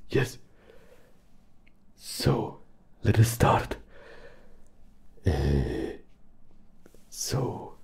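A man voicing a soft, awkward fox interrogator in a whispered role-play, hesitant and confiding, with a breathy, gravelly voice. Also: a bass voice, exaggerated voice. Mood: coaxing, hesitant. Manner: halting, hesitant interrogator, gentle.

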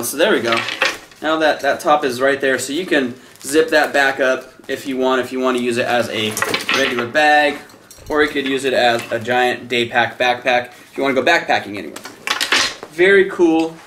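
A man in his thirties does a casual unboxing review, chatty and enthusiastic, calling his viewers "guys" in a slightly high-pitched voice. He's in a small indoor room with a decorated Halloween backdrop, and the sound is echoey with a noisy background.

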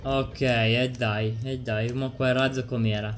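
Excitable male streamer, rapid repetitive game commentary, faint noise bed. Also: mid-range voice. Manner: excitable, repeats phrases, swears. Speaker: gameplay streamer.

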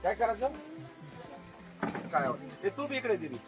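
High-pitched magician guy, jokey showman barking for applause, music playing behind. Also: big pitch swings, moderate pace. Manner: joking showman who keeps calling for loud applause. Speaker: magician performing for a tour group. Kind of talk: lively stage patter with crowd banter. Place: outdoors at an agro-tourism farm.

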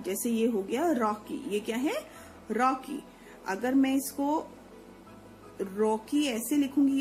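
A woman's voice: sits high, a little mellow, rough recording. A woman teacher patiently explaining Hindi letters to young children, repeating each sound and checking that they follow. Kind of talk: children's Hindi alphabet lesson.

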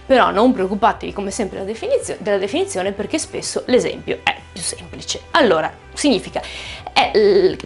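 A woman, a native Italian speaker, teaching an English pronunciation lesson in a lively, explanatory way, slowing down to stretch and repeat example words. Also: mid-range voice, creaky, faint music behind.

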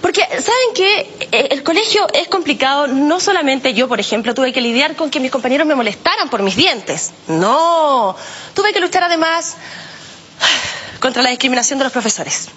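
A woman's voice: sits high, expressive, normal speed, fairly bright tone, dull audio, slight background noise. A woman with a Chilean accent doing a chatty, self-mocking stand-up comedy routine heavy on slang.

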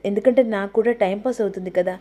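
A woman's voice: medium pitch, very fast, dull audio, close to an everyday voice. A woman voicing a scheming young woman who coaxes and pushes to get her way. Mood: coaxing. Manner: coaxing, pushy.

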